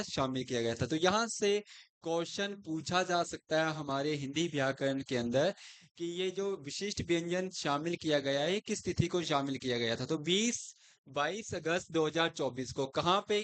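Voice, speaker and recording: Man, grammar teacher, smooth resonant voice, slightly high, answers his own questions. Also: a bit bright. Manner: asks himself questions and answers them. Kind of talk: explanatory lesson.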